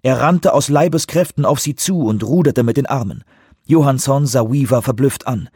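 A man narrating an audiobook in a measured, tense storytelling voice with a husky tone. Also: medium pitch, a little mellow, no room sound, clean studio sound. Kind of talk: scripted narration.

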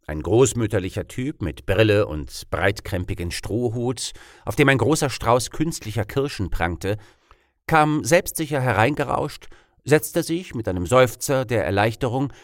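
A man reading a story aloud in an expressive narrating manner. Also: medium pitch, measured pace, dry recording, studio quality. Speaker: audiobook narrator. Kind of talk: scripted narration.

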